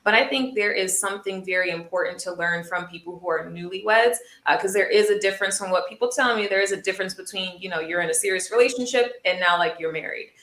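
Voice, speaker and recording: Bright, effusive woman host, echoey room. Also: mid-range voice, quick pace, hardly any pauses. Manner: warm, effusive, laughs often. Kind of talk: casual interview chat.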